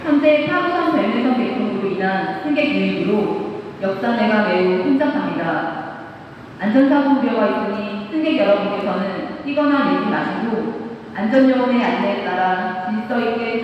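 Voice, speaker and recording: A woman giving a formal, measured and polite scripted safety announcement over a public transit PA system. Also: medium pitch. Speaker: station announcer. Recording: echoey station PA, distant, muffled, noisy.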